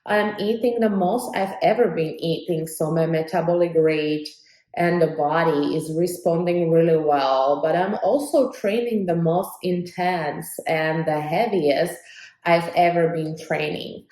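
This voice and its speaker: A woman's voice: lowish voice, fairly even intonation, unhurried, warm tone, rough recording. A woman in her twenties from Slovakia with a Slovak accent, talking casually and earnestly to camera in a fitness vlog. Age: 20s. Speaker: fitness vlogger.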